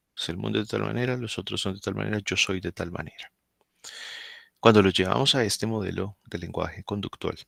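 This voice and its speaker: A man's voice: sits low, creaky, pushed and bright, no room sound, clean studio sound. A man presenting a topic to a study group, explaining step by step while thinking aloud and often checking in with the listeners. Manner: thinking aloud with fillers and restarts, asks "¿no?". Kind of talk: explanatory lecture.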